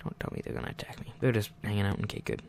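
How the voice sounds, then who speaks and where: Male gaming host, casual let's-play chatter, rambling, self-deprecating, low and gravelly delivery. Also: very animated, rapid-fire, a little hiss or hum. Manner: rambling and self-deprecating, often muttering asides.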